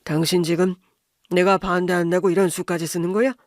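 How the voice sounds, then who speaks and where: A woman voicing a stubborn middle-aged father, gruff and accusing in a dry, close recording. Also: on the low side, level tone, fairly quick, a little mellow, no echo, lightly acted. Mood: indignant.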